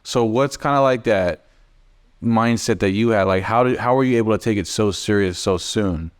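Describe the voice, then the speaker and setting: A podcast co-host with a somewhat low, clean-toned voice speaks at a moderate pace in a casual interview. He asks probing questions and frequently checks in with "right?".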